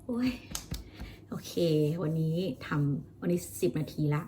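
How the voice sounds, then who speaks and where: A woman English teacher with a Thai accent, chatting casually about her practice and slowly drilling English words over and over. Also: on the low side, animated, dark tone, in a whisper. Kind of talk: casual vlog-style pronunciation lesson.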